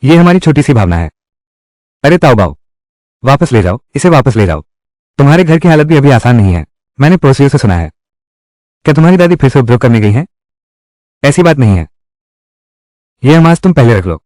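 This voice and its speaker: A man's voice: medium pitch, very animated, a little fast, long pauses, a little mellow, dry recording, clean studio sound. A man reading all the character lines of a dubbed drama in one voice. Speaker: voice-over reader of a dubbed drama.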